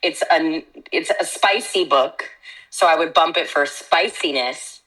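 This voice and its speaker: A woman's voice: deep voice, measured pace, a bit bright, a little hiss or hum, low-quality recording. A woman co-hosting a podcast in blunt, frank, laughing casual chat. Her voice plays from earbuds through laptop speakers and is picked up again by a laptop microphone. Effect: voice played through laptop speakers from earbuds and re-recorded by a laptop mic. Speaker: podcast co-host.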